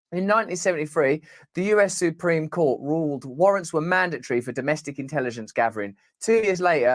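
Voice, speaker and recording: A man hosting a commentary show, reading news reports aloud and breaking into animated, mocking, sweary asides and rhetorical questions. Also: on the high side, no room sound, clean studio sound.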